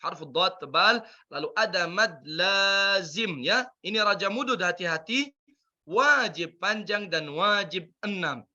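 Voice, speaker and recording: A man teaching a Quran recitation class, drilling pronunciation by repeating sounds slowly. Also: high-pitched, animated, sharp tone, dull audio. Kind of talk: tajweed pronunciation lesson.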